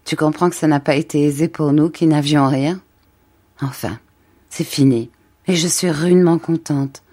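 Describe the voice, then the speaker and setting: A woman's voice: sits low, moderate pace, dark tone. A woman reading aloud voices a worn-out, once-pretty poor wife, speaking plainly and earnestly. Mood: confessing.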